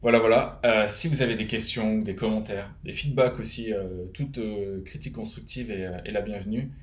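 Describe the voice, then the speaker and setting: A man's voice: fairly low pitch, moderate pace, echoey room. A man from France with a French accent, casually giving advice to fellow web developers, rambling with many fillers and restarts. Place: home, living in Canada.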